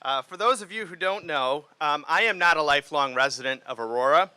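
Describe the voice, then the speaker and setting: Earnest middle-aged guy giving a campaign speech outdoors, bright clear voice, dry sound, lots of uhs. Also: on the high side, a little fast, no room sound. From Liberia. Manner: earnest, speaks off the cuff with fillers. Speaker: mayoral candidate. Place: outdoors in the rain.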